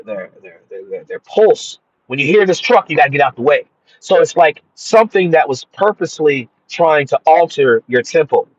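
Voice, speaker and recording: A man's voice: on the high side, dry recording. Earnest man preaching in a dry, dull recording. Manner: earnest and preachy, with repeated restarts. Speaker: channel host. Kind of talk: informal spiritual teaching monologue.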